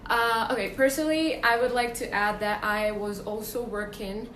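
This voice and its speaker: A woman's voice: on the high side, steady tone, normal speed, a bit bright. A woman hosting a casual interview, asking guests chatty questions. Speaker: host. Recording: echoey room with faint noise.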